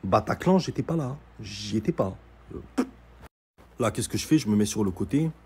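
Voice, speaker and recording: A young man telling a story in a casual, sarcastic rant, mocking and animated as he recounts events. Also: on the low side, normal speed, husky.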